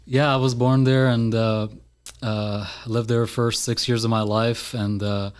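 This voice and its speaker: A man of about thirty from Iran is a guest on a podcast, talking casually in a studio interview with lots of "uh" and "you know." His medium-pitched voice is smooth and flat, at a measured pace.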